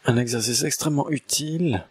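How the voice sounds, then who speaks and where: A man's voice: medium pitch, brisk. A man interpreting a Buddhist retreat teaching, hesitant, with frequent repeated words and restarts.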